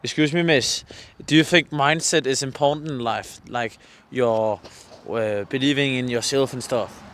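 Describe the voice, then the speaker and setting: Out by a road in a mountain valley, a man vlogging as a street interviewer asks passers-by questions, rambling somewhat hesitantly. His mid-range voice is a bit bright and measured in pace, and wind and noise fill the outdoor recording.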